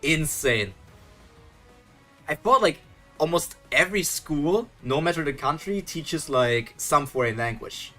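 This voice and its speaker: With soft music in the background, this young man from Germany talks in a slightly high, animated, unhurried voice that's bright and forceful. He's streaming a live webtoon read, and in his German accent he chats freely, thinks out loud, starts over, chuckles, and replies to chat.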